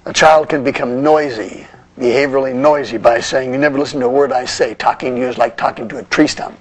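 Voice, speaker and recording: A man giving an instructional lecture on parenting, acting out example phrases in a measured way. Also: mid-range voice, fairly even intonation. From United States.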